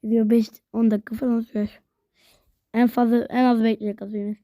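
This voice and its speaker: A woman giving excitable, slangy commentary while playing a video game, talking straight to her viewers. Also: fairly high pitch, a little fast. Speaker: gameplay video host. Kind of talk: casual gameplay commentary.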